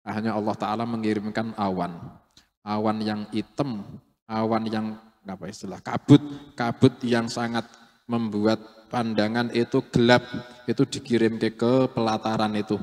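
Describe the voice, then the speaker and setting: A male preacher, telling a religious story in an animated sermon. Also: lowish voice, moderate pace. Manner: animated storytelling, acting out quotes. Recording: long echoey hall reverb.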